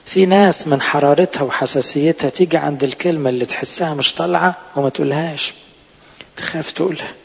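Gravelly Egyptian preacher in an echoing hall. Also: male voice, on the high side, quick pace. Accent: Egyptian Arabic. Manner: earnest, presses listeners with rhetorical questions. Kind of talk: sermon. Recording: reverberant hall, dull lo-fi sound.

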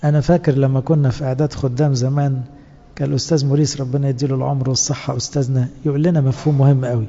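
In a reverberant hall, recorded in dull lo-fi sound, a man with an Egyptian accent races through an earnest, exhorting sermon for church servants, packed with rhetorical questions. His mid-range voice is dark-toned with little pitch movement.

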